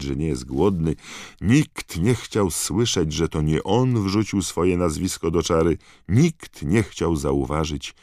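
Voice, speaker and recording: A man narrating an audiobook in a measured, dramatic storytelling manner. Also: extremely low pitch, darkish tone, dry recording, clean studio sound. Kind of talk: scripted narration.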